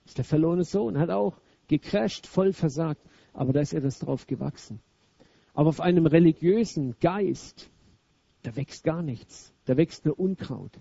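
A man's voice: a little high, animated, moderate pace, gravelly, warm tone, breathy edge, no room sound. A man preaching a sermon in a blunt, emphatic, colloquial way. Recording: dull lo-fi recording.

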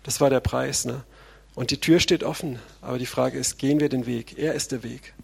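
A man preaches to his congregation in a relaxed, chatty way, often tossing in quick tag questions. His voice has a rough, creaky texture and a breathy huskiness. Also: mid-range voice. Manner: conversational, frequent tag questions. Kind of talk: sermon.

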